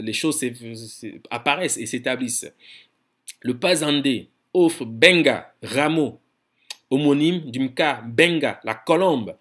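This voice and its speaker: A man giving a scholarly lecture in a firm, insistent tone. He often repeats words while searching for phrasing and slows down to spell out foreign terms. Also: medium pitch, fairly bright tone.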